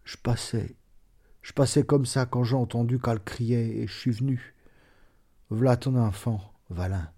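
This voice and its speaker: A man voicing a shy, dazed young peasant man who stammers in a hushed voice. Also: lowish voice, lively intonation, takes it slowly, pauses often, breathy edge, full character voice.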